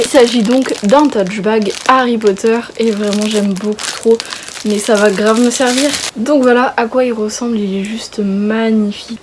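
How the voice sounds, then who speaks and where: A woman's voice: mid-range voice, darkish tone, a little hiss or hum. A nineteen-year-old woman in a chatty unboxing vlog, gushing over each item with many fillers and restarts. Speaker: YouTuber.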